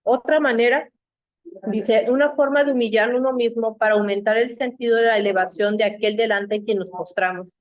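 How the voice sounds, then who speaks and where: A middle-aged woman from Mexico, teaching a church Bible class in a lively storytelling manner and acting out the voices she quotes. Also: fairly high pitch, brisk, no room sound.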